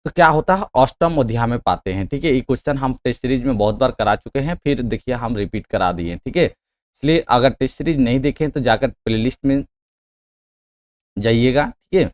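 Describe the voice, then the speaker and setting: A man teaching an exam-prep lesson, reading each question slowly and loudly, then pressing students to answer quickly. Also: medium pitch, expressive. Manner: frequent "theek hai" checks. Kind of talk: quiz-style lesson.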